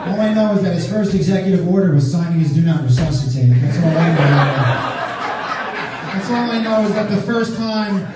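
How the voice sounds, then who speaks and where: This high-voiced man talks at a normal speed with lively intonation, recorded far from the mic amid heavy background noise. He's a stand-up comic from Staten Island, New York, doing a profane club set where he riffs and quizzes the crowd. The club is echoey and a laughing audience fills the background.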